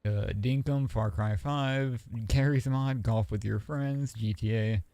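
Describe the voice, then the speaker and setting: A man streaming, chatting casually in a relaxed, rambling way and swearing freely. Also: medium pitch, takes it slowly, no echo.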